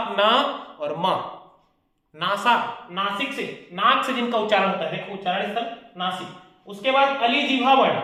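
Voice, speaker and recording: A male teacher explains grammar with a clear, bright tone. He keeps posing questions and answering them himself, going over each point again and again. The sound rings heavily around a very echoey room. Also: high voice. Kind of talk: classroom grammar lesson.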